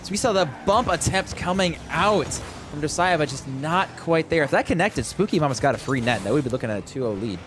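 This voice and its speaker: Fast-talking young male esports caster. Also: on the high side, faint music behind. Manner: fast excited play-by-play, addresses chat. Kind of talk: play-by-play esports commentary.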